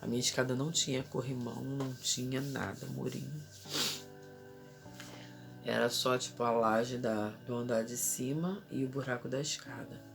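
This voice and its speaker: A woman's voice: rumbling low, steady tone, normal speed, gravelly, music in the background. A woman in her thirties telling an emotional personal story as a mother, urgently reliving her own desperate cries for help.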